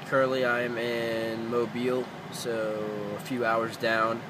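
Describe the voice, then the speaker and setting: Slow, laid-back young man vlogging. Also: mid-range voice, noisy background. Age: young adult. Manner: relaxed, slow and offhand. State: sick. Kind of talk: casual travel vlog. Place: car, campsite and tent. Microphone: phone held at arm's length.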